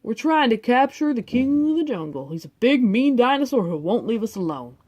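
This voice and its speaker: A woman's voice: a little high, big pitch swings, fairly quick, a little mellow, no echo, highs cut off. A woman voicing a pompous male hedgehog director in a storybook, theatrical and lecturing. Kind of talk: storybook reading.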